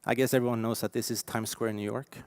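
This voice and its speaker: A man in his forties with a Norwegian accent delivers a conference keynote from the stage. His voice sits at an average pitch and sounds dry and close, with little room around it. He talks emphatically, punching key words and dropping in fillers as he goes. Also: quick pace, dry recording. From Norway. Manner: lively, emphatic, with frequent fillers. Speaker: keynote speaker.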